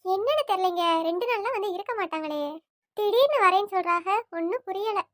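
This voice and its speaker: A woman's voice: extremely high pitch, brisk, fairly bright tone, dry recording, studio quality. A woman voicing a fussy, chatty village wife in a cartoon. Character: eager village wife awaiting her daughter.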